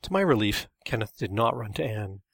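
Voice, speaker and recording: A man's voice: fairly low pitch, big pitch swings, fairly quick, vocal fry, dry recording. A man reading a memoir in a dry, matter-of-fact scripted narration.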